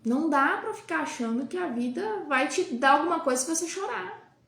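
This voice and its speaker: A woman's voice: high-pitched, lively intonation, brisk, a bit bright. A woman with a Brazilian Portuguese accent hosting a live talk, chatting with viewers and asking many rhetorical questions. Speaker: host of a live talk on child development. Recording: roomy echo.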